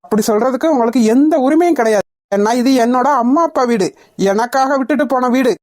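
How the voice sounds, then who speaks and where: A woman's voice: sits high, fast talker, a little mellow, dry recording, studio quality. A woman voicing a firm, indignant young man who stands up for his family home in a cartoon. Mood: defiant. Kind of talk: cartoon dubbing.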